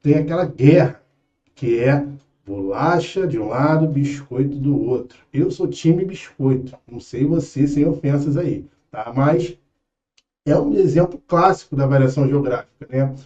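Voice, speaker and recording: Young male teacher from Rio, relaxed and chatty; mellow dark tone, slightly dull, roomy recording. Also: medium pitch, unhurried. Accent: Rio de Janeiro Brazilian Portuguese. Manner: casual, patient, checks in often with "tá?" and "né?". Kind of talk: exam prep lesson.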